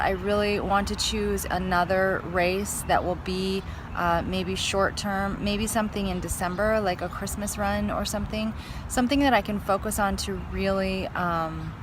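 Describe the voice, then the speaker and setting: A woman's voice: mid-range voice, background noise. A woman talking casually to her vlog viewers, thinking aloud in long, chatty explanations. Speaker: fitness vlogger.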